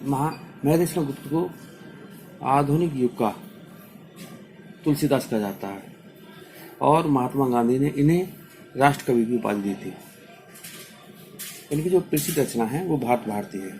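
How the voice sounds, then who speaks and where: A man teaching a class, reading lines of verse slowly and then explaining them in an earnest, instructive way. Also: medium pitch, expressive, darkish tone, soft background music, poor audio. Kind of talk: poetry recitation and explanation lesson.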